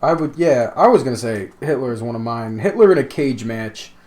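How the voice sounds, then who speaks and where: An easygoing man co-hosting a podcast, chiming in during casual chat. He speaks at an ordinary pitch in a relaxed, offhand way. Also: a little fast. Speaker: podcast co-host.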